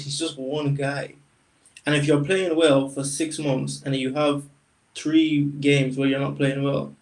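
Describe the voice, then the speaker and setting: A man's voice: fairly high pitch, a little mellow, distant mic, low-quality recording. Man arguing his point a little off-mic. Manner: direct, argumentative, with casual slang. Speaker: podcast co-host, Liverpool fan. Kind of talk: casual football chat.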